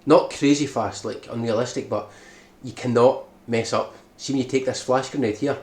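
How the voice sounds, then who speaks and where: Narrating a speedrun strategy for a game tutorial, a male guide maker keeps explaining and keeps tossing in "right?". His voice is mid-range and steady, darkish in tone, at a normal speed, recorded in an echoey, noisy room.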